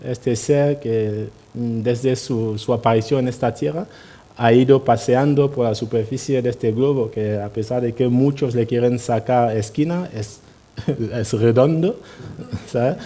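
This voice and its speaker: At a party assembly in a hall, a man with a mid-range, dark voice speaks at a measured pace. He tells anecdotes hesitantly, restarting often and leaning on tag questions.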